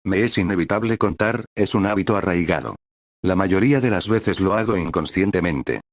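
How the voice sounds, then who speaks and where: Smug science nerd dad as a man reads him, deep voice, teasing, dry sound. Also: normal speed, dry recording. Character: cocky young male scientist, doting father.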